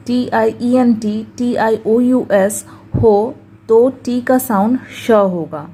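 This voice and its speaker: A woman with a Hindi accent teaching English pronunciation in a video lesson, talking slowly and carefully, repeating words for drilling. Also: a little high, mellow, slight background noise, low-quality recording.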